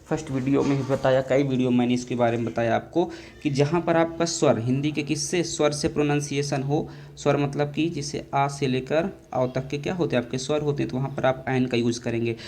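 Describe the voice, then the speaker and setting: This grammar lesson for an exam is taught by a man of medium pitch whose fairly even, slightly mellow voice comes with a little hiss or hum. He poses questions and answers them himself, calls the students dear children, and says English words slowly and at length.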